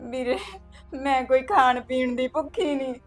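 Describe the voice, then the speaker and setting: Brief: actress as emotional young married sister, high-pitched, tearful. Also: female voice, normal speed, over music, natural voice. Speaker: married sister welcoming her brother. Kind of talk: village drama acting.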